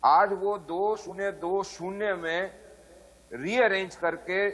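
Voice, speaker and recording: A man arguing his point as a panelist on a remote link, in a measured, formal way. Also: high-pitched, fairly even intonation, a bit bright, low-quality recording. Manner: measured, formal, deliberate delivery. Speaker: political panelist. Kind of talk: debate argument. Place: remote call-in.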